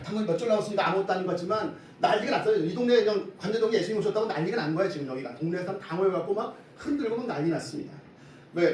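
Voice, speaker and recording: High-voiced preaching man in echoey church. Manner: lively preaching, asks the congregation questions. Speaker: pastor. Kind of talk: Sunday sermon. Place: church sanctuary. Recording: echoey hall from far off, faint hiss.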